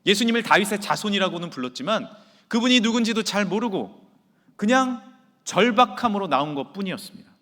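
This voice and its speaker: Animated male pastor in a reverberant church. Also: high-pitched, brisk. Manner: animated, swings from loud to near-whisper. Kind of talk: sermon. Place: church sanctuary.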